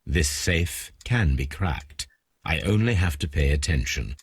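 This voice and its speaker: An actor voicing a calm Victorian detective in a game, speaking in a measured, husky way. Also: male voice, a bass voice, no echo, exaggerated voice. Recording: dry studio game voice.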